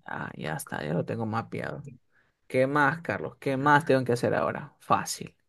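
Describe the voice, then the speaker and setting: A man's voice: mid-range voice, lively intonation, normal speed, vocal fry, a bit bright. A man teaching English one-on-one over a video call, often checking that his student is following. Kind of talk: one-on-one online tutoring.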